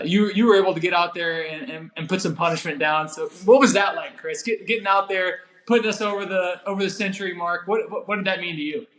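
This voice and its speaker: Higher-voiced young man, halting emphatic sports talk. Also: fairly bright tone. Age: 20s. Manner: halting, repeats phrases for emphasis. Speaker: former college basketball player. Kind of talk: casual sports podcast conversation. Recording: roomy, echoey sound.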